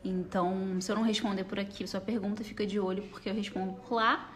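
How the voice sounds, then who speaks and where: A bubbly young woman talking casually to her followers. She laughs easily, and her voice sits at a middle pitch. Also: little pitch movement, quick pace. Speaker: youtuber. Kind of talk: casual phone stories.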